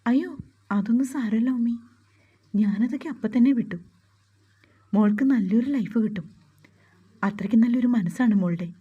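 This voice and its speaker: Brief: woman doing a timid young student girl, husky and soft-spoken. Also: fairly high pitch, normal speed, pauses often, lo-fi sound. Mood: earnest. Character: hurt, shy young college girl.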